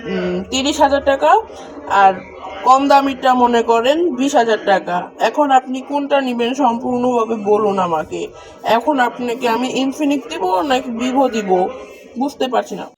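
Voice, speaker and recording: Someone playing a bossy, fairly high shop owner. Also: moderate pace, a crowd in the background, low-quality recording. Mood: shopkeeper. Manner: scolding, then obliging salesperson.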